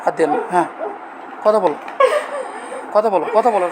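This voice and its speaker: High-voiced man coaxing and shouting prayers. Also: a little fast. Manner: coaxing then shouting threats and Arabic prayers. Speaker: exorcist healer. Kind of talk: exorcism ritual, coaxing and reciting. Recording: loud background noise, live room.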